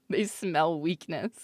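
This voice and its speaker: A woman in her thirties hosting a live stream in casual chat. She teases her viewers, laughs often, and breaks into loud mock protests. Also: on the low side. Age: 30s. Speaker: streamer host.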